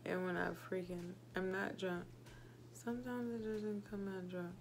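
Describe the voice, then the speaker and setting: This twenty-something makeup vlogger talks casually to the camera with a tipsy, giggly, rambling manner. She speaks at a medium pitch and an unhurried pace, close up on a small indoor home set, with a little hiss or hum in the audio.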